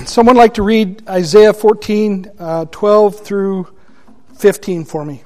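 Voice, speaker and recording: A man teaching a Bible study class, deliberate and asking his listeners questions. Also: high-pitched, a little mellow.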